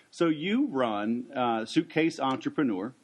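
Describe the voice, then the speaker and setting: A man hosting a podcast in a casual interview style, halting, with frequent ums and pauses. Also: medium pitch. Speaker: podcast host.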